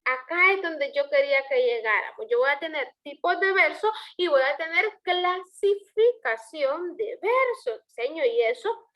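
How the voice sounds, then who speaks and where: High-voiced woman teaching a class. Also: lively intonation, measured pace, fairly bright tone. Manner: explains step by step, asks the class questions. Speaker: language teacher. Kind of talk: online class lecture.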